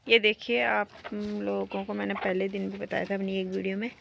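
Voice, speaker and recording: A woman from Uttarakhand with an Uttarakhandi Hindi accent vlogging her village life outdoors, chatting to viewers and calling loudly to her cows. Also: mid-range voice, flat delivery, normal speed, vocal fry, a little hiss or hum. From Uttarakhand, India. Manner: chatty, switching to loud coaxing when calling her cows. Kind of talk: casual daily-life vlog narration. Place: outdoors around a village home and cowshed.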